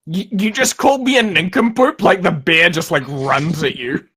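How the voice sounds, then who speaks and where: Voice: medium pitch, normal speed, a bit bright, slightly rough. A game master narrating a tabletop game over an online voice call, loose and laughing, full of fillers.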